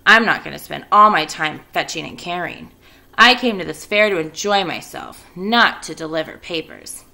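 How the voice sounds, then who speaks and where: Woman doing a sneering, forceful storybook rat. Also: lowish voice, moderate pace, vocal fry. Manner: sneering, grudging, emphatic. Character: grumpy, greedy, sneering male rat.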